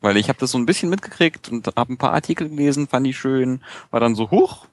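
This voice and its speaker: A man co-hosting a casual gaming podcast, explaining things in a lively, good-humoured way. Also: mid-range voice, fast, dry recording. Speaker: podcast co-host.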